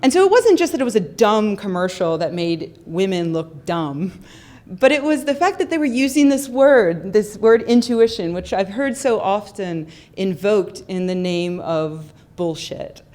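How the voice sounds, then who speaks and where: Expressive and a little slow, her mid-range voice has a slightly mellow quality. The young woman is a public speaker giving a humorous, skeptical, sarcastic conference talk on a lecture hall stage through a handheld or stand microphone, with lots of ums and repeated words.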